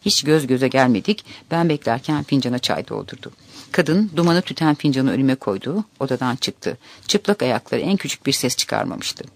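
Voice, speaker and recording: Calm male audiobook narrator. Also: medium pitch, moderate pace, gravelly, dry recording. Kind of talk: scripted narration of a novel.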